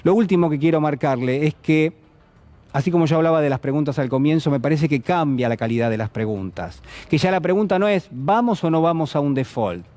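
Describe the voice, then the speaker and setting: A man's voice: fairly high pitch, a little fast, warm tone. A man giving a televised political commentary, speaking to the viewer directly and posing rhetorical questions. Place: television studio.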